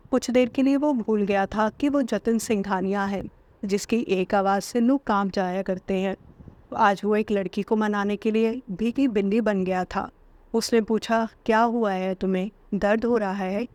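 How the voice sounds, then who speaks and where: A woman reading a family story aloud as a storyteller, steady and expressive. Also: medium pitch, no room sound. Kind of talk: scripted narration.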